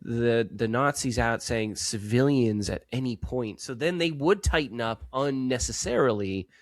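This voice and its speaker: A man's voice: medium pitch, a little slow, no room sound. A man co-hosting a podcast, rambling and joking in casual chat and swearing freely. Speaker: podcast co-host.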